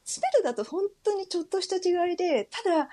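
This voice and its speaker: A woman's voice: very high voice, lively intonation, fast talker, warm tone. A woman who works as a translator and interpreter, explaining politely as a panel guest, with plenty of fillers. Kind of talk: casual panel discussion.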